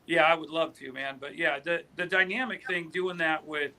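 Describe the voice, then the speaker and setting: A man's voice: a little high, moderate pace, bright, forceful tone. An older man, a grandfather, co-hosting a casual racing chat in an easygoing way.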